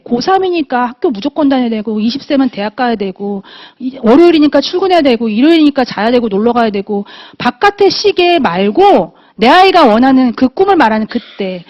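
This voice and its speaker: A middle-aged woman gives an emotional testimonial speech, slipping into little acted-out exchanges as she tells her story. Her voice sits a little high. The recording is dull and lo-fi. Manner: emotional storytelling, acting out quoted dialogue. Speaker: motivational speaker. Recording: dull lo-fi audio.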